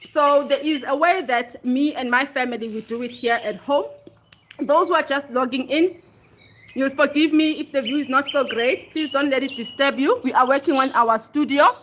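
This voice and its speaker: A chatty South African woman hosts a relaxed livestream from outside her home, greeting each viewer by name. Her voice sits high and sounds bright and crisp. Birds chirp faintly behind a light hiss of outdoor noise. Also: normal speed. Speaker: livestream host. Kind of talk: casual livestream chat.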